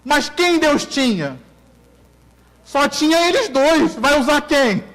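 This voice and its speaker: This pastor from Brazil speaks Carioca Brazilian Portuguese and preaches in a church hall, repeating key phrases and putting questions to the congregation. His extremely high, fairly bright voice is expressive and slow. The audio is poor, with a long reverb tail.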